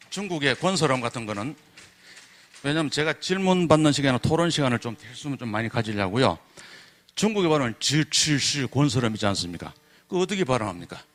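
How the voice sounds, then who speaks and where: A man giving a public lecture, asking the audience rhetorical questions and sounding out letters to demonstrate them. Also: mid-range voice. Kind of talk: public lecture on Korean script.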